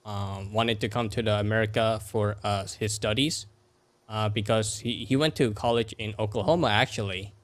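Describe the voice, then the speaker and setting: A man in his twenties from California, a podcast guest chatting casually and softly, with many fillers and restarts. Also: lowish voice, steady tone, normal speed, dry recording. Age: 20s.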